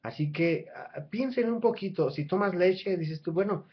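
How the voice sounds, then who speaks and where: A man's voice: high-pitched, normal speed, husky. Earnest man on a webcam. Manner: earnest, persuasive, with frequent restarts and fillers. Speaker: channel host. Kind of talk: casual talk to camera. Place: small room at home, indoors. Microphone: webcam at close range. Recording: dull lo-fi webcam audio.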